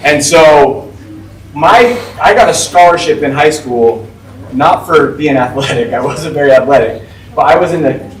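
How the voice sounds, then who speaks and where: A man's voice: fairly high pitch, expressive, a little slow, recorded from a distance, slight background noise. A man of about forty, giving a casual, informal talk to a class as a guest speaker, with lots of "like" and "right?". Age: 40s. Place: school classroom. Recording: echoey room, voice from off-mic.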